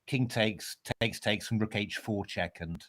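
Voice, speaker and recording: A man's voice: on the low side, a little slow, fairly bright tone. A man commentating live on a chess game in a casual way, hesitating with lots of fillers and restarts.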